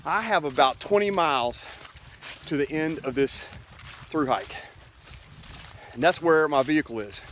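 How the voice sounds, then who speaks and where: A man's voice: on the high side, animated, a little slow, long pauses, a bit bright, a little hiss or hum. A middle-aged man filming himself on a wooded hiking trail, explaining plainly as he walks, with the camera held close. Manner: plain, matter-of-fact explaining while walking. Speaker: hiker filming his trip. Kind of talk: casual trail vlog. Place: outdoors on a leafy forest trail. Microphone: handheld camera close to face.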